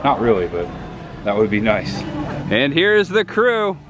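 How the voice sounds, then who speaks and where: A man's voice: medium pitch, wildly swooping pitch, a little slow. A man narrating a casual walking vlog at a theme park, chatty and pointing things out as he goes.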